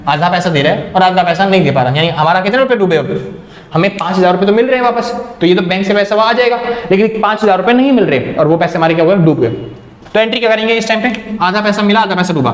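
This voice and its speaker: A man's voice: high voice, quick pace, reverberant. A man teaching an accounting lecture, explaining step by step and asking and answering his own questions.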